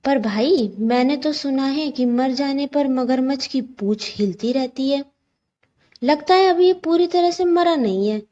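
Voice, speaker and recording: A woman's voice: high-pitched, unhurried, dark tone, lo-fi sound. A woman voicing a clever, wary male jackal in a storybook lesson, who mutters cautiously to himself and questions the others. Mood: suspicious.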